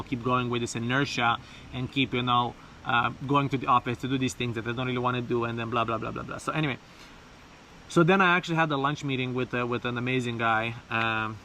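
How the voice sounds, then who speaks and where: A man talking casually and haltingly in an unscripted personal vlog, repeating words and speaking informally, outdoors. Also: medium pitch, pushed and bright, a little hiss or hum. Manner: informal, sprinkled with swearing and bro. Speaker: vlogger. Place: outdoors, bathing in a river.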